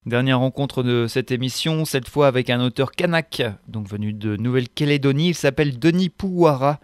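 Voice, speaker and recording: A male radio host introducing guests in calm, measured, scripted narration. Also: medium pitch, smooth.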